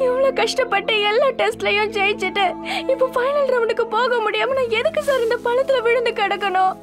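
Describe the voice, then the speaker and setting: A woman's voice: extremely high pitch, a little fast. An actress playing a desperate young woman who weeps and pleads in a film scene, with music behind her. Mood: tearful. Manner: weeping, pleading. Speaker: heroine of a film. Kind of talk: film drama acting. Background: loud film score.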